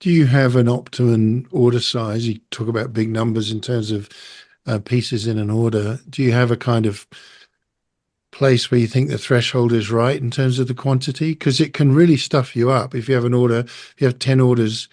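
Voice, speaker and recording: A man interviewing a guest, with a mid-range voice of medium pitch. He builds his questions aloud and probes with follow-ups. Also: steady tone, moderate pace, darkish tone. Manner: probing, thinks aloud through long questions. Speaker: podcast host.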